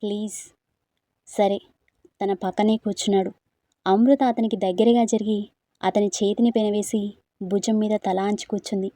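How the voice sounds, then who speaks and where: A woman narrating a scripted story in a steady, even reading voice. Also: medium pitch, normal speed, no room sound, clean studio sound.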